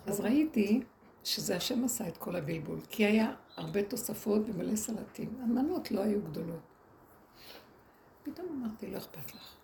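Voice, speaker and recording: Gravelly-voiced woman telling stories to a group. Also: medium pitch. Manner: animated, acts out quoted people. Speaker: rebbetzin teaching a women's group. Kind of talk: storytelling talk to an audience. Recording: noisy room recording.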